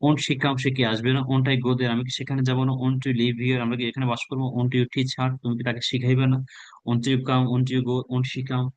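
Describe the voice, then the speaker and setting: A Bangladeshi man teaching a spoken English class, drilling phrases through rapid repetition. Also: medium pitch, monotone, dry recording.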